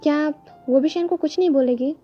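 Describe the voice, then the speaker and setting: A woman's voice: high-pitched, a little fast, dark tone, highs cut off, soft background music, natural voice. A woman doing a sulky hot-tempered young man. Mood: grumbling.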